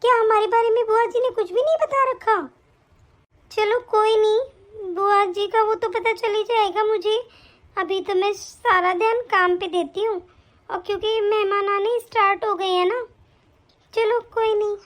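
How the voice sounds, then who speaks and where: An earnest young village girl in a cartoon wonders aloud in a very high, bright voice, played by a woman. She is hardworking and sincere, thinking out loud as she goes. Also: fairly even intonation, a little slow. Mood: musing. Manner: earnest, wondering, talks to herself. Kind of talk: cartoon voice acting.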